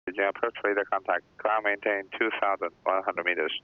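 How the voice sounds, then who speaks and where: A man's voice: low voice, steady tone, brisk. A man with a Chinese accent working as an air traffic controller, heard over the aircraft radio, giving clipped, standard phrases. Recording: tinny narrowband radio transmission.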